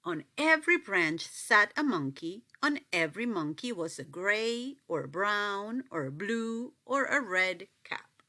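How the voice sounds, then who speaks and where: A woman reading a picture book aloud to children, expressive and asking them questions. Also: medium pitch, unhurried, hardly any pauses. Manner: expressive, asks the listeners questions. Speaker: storyteller.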